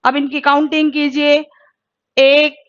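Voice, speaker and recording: A woman teaching a Hindi exam-prep lesson, asking questions and then answering them herself, and sounding out each vowel slowly. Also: high-pitched, little pitch movement, fairly bright tone, dull audio. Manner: slow, careful pronunciation drills.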